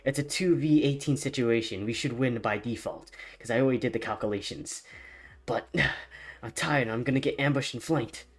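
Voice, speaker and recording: A man's voice: mid-range voice, moderate pace, close to an everyday voice. A man voicing an overly serious teenage gamer boy who talks in a dramatic, self-important way. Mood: melodramatic.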